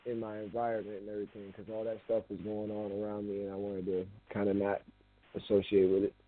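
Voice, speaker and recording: A young man with a raspy voice, a guest musician in a casual interview, laid-back, often restarting his words. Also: on the low side, monotone, fast talker, slight background noise. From United States. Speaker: guest hip-hop artist. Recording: tinny phone line.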